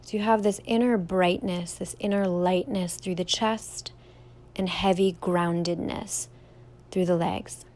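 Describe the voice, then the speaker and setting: A young woman teaching yoga leads a standing guided meditation in a lowish voice with fairly even intonation. She talks slowly, gently and soothingly, softly drawing out her words.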